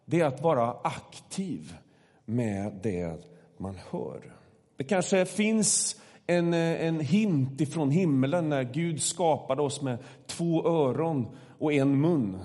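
A middle-aged man gives a calm, unhurried sermon, pausing as he builds each point. His voice is mellow and dark. It rings out with the long reverb of a church hall. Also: on the high side. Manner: calm, measured preaching with slow pauses. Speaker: preacher.

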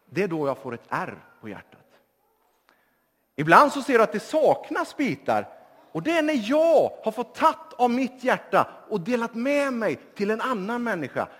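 A man voicing a gentle wise old man who calmly and softly explains his scarred heart. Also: high voice, in a large hall, pitched above the performer's own voice, exaggerated voice. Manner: calm, soft, explaining.

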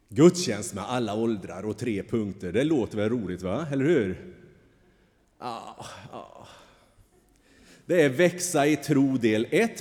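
A man preaching a lively sermon from the pulpit in a church, acting out the story as he goes. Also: medium pitch, slightly rough. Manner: animated, acts out the story's voices. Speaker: pastor. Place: church sanctuary. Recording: long church reverb.

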